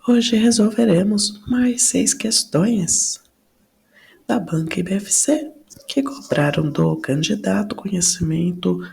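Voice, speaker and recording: Brazilian woman teacher, gravelly, mellow tone, deliberate explainer for exam prep. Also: fairly low pitch. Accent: Brazilian Portuguese. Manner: slow, stresses key words, talks through answers. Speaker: Portuguese teacher.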